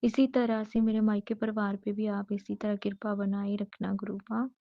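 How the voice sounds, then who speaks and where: A woman's voice: mid-range voice, little pitch movement, moderate pace, gravelly, no echo, muffled recording. A woman earnestly sharing a devotional testimony, repeating her thanks to her guru, recorded as a phone voice note.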